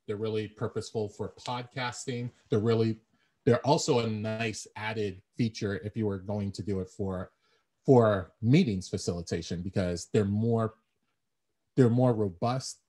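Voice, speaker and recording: A presenter with a deep baritone that's a little mellow and husky explains his audio gear, repeating phrases as he thinks, in an instructional talk. He's in a small bare room at home, first on a desktop condenser mic and then an earbud headset. The result is dull, lo-fi earbud audio with echo.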